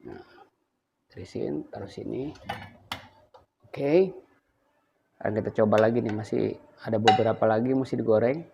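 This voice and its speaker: A man's voice: fairly low pitch, moderate pace, vocal fry, long pauses, dull audio, background noise. An older man, hosting a casual cooking vlog and playfully coaxing his grandchild as he talks. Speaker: vlog host.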